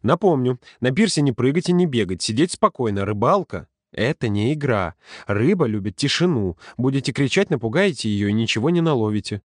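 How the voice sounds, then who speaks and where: A man's voice: fairly low pitch, fast talker, few pauses, husky, no room sound, clean studio sound. A man voicing an earnest young male camp counselor who lectures children in an instructive tone. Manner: lecturing, didactic.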